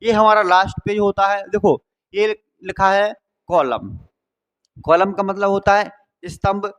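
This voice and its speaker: A man's voice: high-pitched, measured pace, fairly bright tone. A man from India teaching a lesson, explaining step by step and asking and answering his own questions. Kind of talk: classroom lesson.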